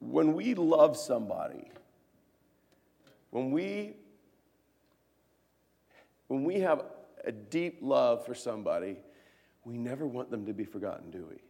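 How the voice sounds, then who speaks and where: A man in his thirties preaching a sermon as pastor, earnest, moving between hushed tones and emphatic peaks. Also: medium pitch, animated, a little slow, creaky, pauses often, slightly rough. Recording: long reverb of a church hall.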